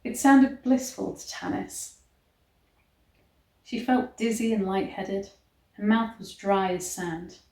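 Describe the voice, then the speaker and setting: An online reader and commentator reads a novel aloud with mock drama, stopping now and then for blunt, incredulous remarks. Her mid-range voice is warm, her pace slow with long pauses, and the room sounds roomy and echoey.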